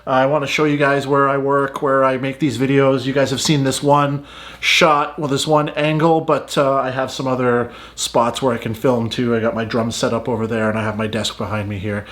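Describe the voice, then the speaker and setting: A man's voice: medium pitch, little pitch movement, normal speed, fairly bright tone. A man hosting his own channel, chatting in an upbeat, enthusiastic way with plenty of fillers. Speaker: drummer and channel host. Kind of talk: casual vlog chat. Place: outdoors in cold weather at a farm shop; his home studio.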